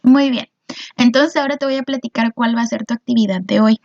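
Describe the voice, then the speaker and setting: A woman's voice: on the high side, steady tone, brisk, creaky, a little mellow. Patient woman teacher, lo-fi sound. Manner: patient, often checks in with the class. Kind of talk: recorded class explanation.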